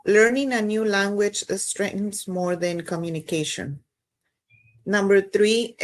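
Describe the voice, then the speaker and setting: Steady woman from Mexico reading points. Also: mid-range voice. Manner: steady, list-like delivery. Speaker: panelist, pediatric nurse.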